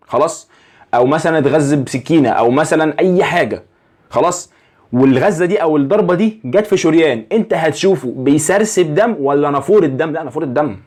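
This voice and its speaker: A man's voice: fairly high pitch, a little mellow. A young man with an Egyptian Arabic accent teaching anatomy in a casual, conversational way, often asking the listener rhetorical questions to check they follow. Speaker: anatomy lecturer.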